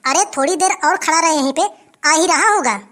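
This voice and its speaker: Performer playing kindly old village mother, soothing, high, bright. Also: brisk, slight background noise.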